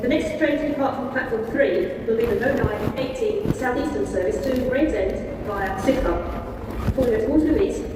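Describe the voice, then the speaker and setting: A woman in a recorded station announcement, heard over public loudspeakers, formal and measured. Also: fairly high pitch, recorded from a distance, background noise. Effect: station public address announcement over loudspeakers. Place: railway station platform. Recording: echoey loudspeaker on a platform heard from afar. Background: station ambience.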